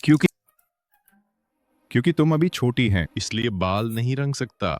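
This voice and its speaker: A man playing a gentle doting big brother. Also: medium pitch, lively intonation, moderate pace, no room sound, faint music behind, natural voice. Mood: reassuring. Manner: soft, reassuring.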